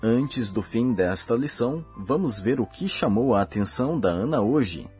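A man hosting a language course, giving slow, careful, scripted explanations. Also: medium pitch, expressive, darkish tone, soft background music. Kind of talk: scripted lesson narration.

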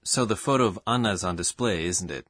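A man's voice: deep voice, quick pace, fairly bright tone, breathy edge, dry recording, studio quality. A man acting as learner co-host in a scripted language lesson, asking and confirming questions.

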